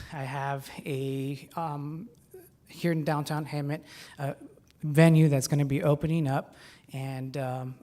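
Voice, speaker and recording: A man giving a live startup pitch as an entrepreneur, with a nervous, halting delivery that often stumbles. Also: a little mellow. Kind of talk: live pitch competition presentation.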